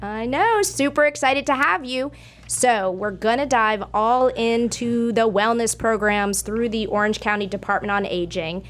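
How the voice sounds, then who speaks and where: A woman's voice: on the high side, unhurried. A woman in her fifties hosting a talk show, upbeat and chatty as she introduces her guests. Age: 50s. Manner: upbeat, chatty, laughs easily. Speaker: show host. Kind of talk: casual radio talk.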